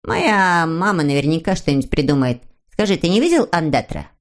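A woman voicing a gentle young Moomintroll. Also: deep voice, expressive, a little fast. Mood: reassuring. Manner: soft and reassuring. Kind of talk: audiobook reading.

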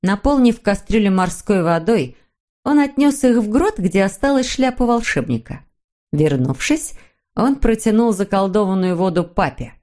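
A woman reading a children's storybook aloud as narrator, in an expressive, even manner. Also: mid-range voice, moderate pace.

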